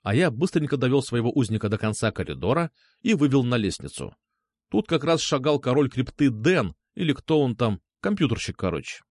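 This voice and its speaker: A man narrating a first-person story in a wry, lively way. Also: mid-range voice, a little fast, no echo, studio quality. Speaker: audiobook narrator.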